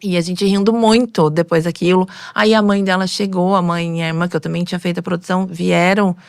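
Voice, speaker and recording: Woman, makeup artist, animated interview storyteller, dry close sound. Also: fairly low pitch, brisk, vocal fry, no room sound. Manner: animated storytelling, acting out quoted voices.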